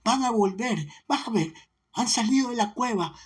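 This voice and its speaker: A man voicing a frightened little peasant girl, pleading in a high, childlike way with a husky voice. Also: lively intonation, moderate pace, exaggerated voice. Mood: tearful insistence.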